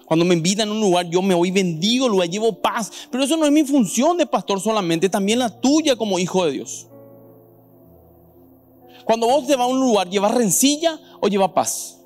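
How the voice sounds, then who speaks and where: Faint music underlies this animated sermon from a pastor with a Paraguayan Spanish accent at a church service. He talks briskly in a high-pitched voice and addresses questions straight to the congregation.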